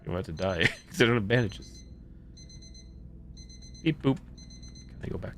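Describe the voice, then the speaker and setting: Low-voiced man muttering over gameplay. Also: brisk, a bit bright, slight background noise. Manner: muttering, reading game prompts aloud. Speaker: game streamer. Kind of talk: live gameplay commentary.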